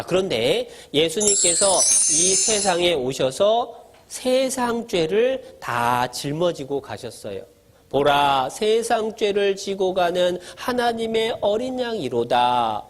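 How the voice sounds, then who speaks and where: A man's voice: sits high, a little hiss or hum. A male pastor giving a sermon to children, asking them questions and answering them himself, in a simple, playful storytelling way. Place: church gathering for children.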